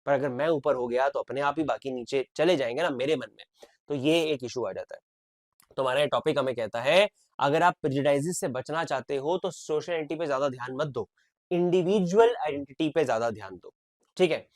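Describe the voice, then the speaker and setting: A young man from India who teaches an online exam-prep lecture, talking with lively emphasis and mixing in English. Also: medium pitch, brisk. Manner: animated, emphatic, switches between Hindi and English.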